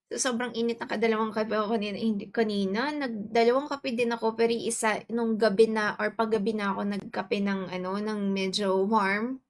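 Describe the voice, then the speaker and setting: A Filipino woman in her forties with a Filipino accent, chatting casually on a livestream and greeting viewers; her voice is soft and quiet, her throat a bit sore. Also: medium pitch, steady tone, brisk. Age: 40s. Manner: chatty, mixes Tagalog and English, greets viewers by name. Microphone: earphones with mic.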